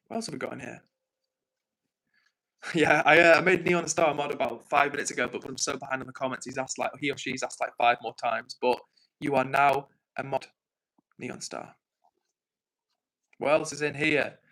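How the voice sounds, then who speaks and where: On a rough recording, a young man from England with a fairly high, fairly bright voice runs a livestream. He chats casually and reads viewer comments, often laughing, apologizing and putting himself down.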